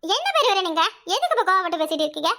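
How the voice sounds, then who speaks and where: In this cartoon voice-acting clip, a woman plays a quarrelsome, sharp-tongued village housewife with a Kanyakumari Tamil accent. She scolds rapidly in an exaggerated, very high-pitched voice with big pitch swings.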